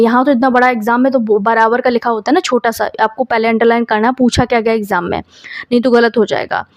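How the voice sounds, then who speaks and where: A woman teaches grammar for exam preparation, speaking. Her voice sits a little high. She keeps posing questions and answering them herself, and the recording is close and dry. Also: darkish tone, dry recording. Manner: explains in Hindi, reads English questions slowly, asks and answers herself. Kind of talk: exam-prep grammar lesson.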